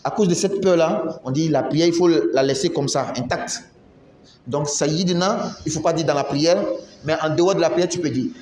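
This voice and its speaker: Guy teaching a class, kinda high voice, asks questions a lot, echoey room with faint rumble. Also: darkish tone. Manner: explains slowly, asks the class questions, recites Arabic phrases. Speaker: religious teacher. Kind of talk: religious lesson to a class.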